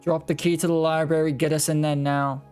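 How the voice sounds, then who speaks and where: A man's voice: on the high side, little pitch movement, a little fast, a little mellow, clean tone. A man playing a tabletop role-playing game, talking casually and directing the group. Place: online voice call. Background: background music.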